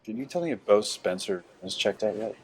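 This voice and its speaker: A man's voice: lowish voice, lively intonation, fairly quick, music in the background, lightly acted. An actor playing a puzzled, concerned man searching for his friend in an everyday voice. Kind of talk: film acting.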